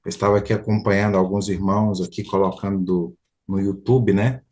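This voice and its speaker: A man's voice: deep voice, fairly even intonation, a little fast. A man, a fellow pastor, thanking the preacher in a thankful, conversational way. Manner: warm, thankful, conversational with fillers. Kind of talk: thanking the preacher after a sermon.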